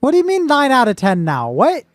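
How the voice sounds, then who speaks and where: A woman streamer thinks out loud over a puzzle game, teasing and cursing in a bouncy, swooping voice. Her mic is close and dry, with faint music playing underneath. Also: sits high, wildly swooping pitch, a little fast, no room sound. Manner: playful, swearing, talking through puzzle logic aloud. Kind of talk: casual live gameplay commentary.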